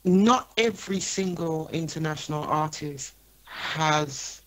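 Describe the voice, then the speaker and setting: A woman with a deep voice speaks slowly over poor audio. She's a show promoter appearing as a guest on a talk podcast, chatting in a casual interview style, speaking frankly, listing names, and often checking in with her listener with "yeah?" and "right?"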